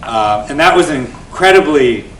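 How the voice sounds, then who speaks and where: A man in his forties speaks energetically to an event audience, checking in with "right?" as he goes. He sits back from the mic in a reverberant room, and a faint low rumble runs underneath. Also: moderate pace, recorded from a distance. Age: 40s. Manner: energetic and conversational, tags points with "right?". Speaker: venture investor and guest speaker. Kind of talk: telling his founder story to an event audience. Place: event venue before an audience.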